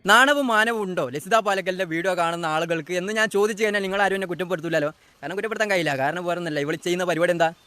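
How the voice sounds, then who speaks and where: Brief: male reaction host, high-pitched and rapid-fire, teasing and mocking. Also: sharp tone, dry recording. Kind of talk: mocking political commentary.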